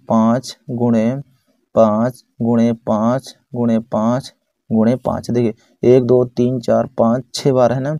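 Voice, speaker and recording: A man's voice: medium pitch, mellow, no room sound. A man teaching a math lesson step by step, counting aloud patiently and checking in often with the viewer.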